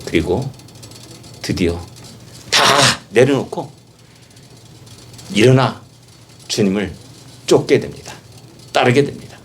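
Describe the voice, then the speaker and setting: A male pastor preaching a sermon, emphatic, with rhetorical questions and repeated phrases, swinging from soft passages to loud exhortation. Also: on the low side, animated, slow pace, long pauses, slight background noise.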